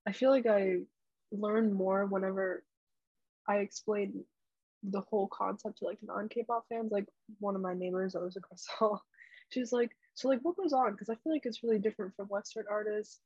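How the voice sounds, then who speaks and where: A woman's voice: mid-range voice, fairly even intonation, normal speed, darkish tone, breathy edge, dry recording, lo-fi sound. A young woman co-hosting a podcast, chatting in a laid-back, wry way and saying "like" a lot. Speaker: podcast co-host. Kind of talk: casual chat.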